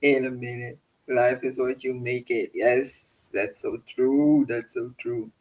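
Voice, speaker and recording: A man hosting a casual livestream in an easygoing, meandering way. He talks at a slow, unhurried pace and laughs often between shout-outs to his viewers. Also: mid-range voice, low-quality recording. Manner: relaxed, rambling, laughing often. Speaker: livestream host.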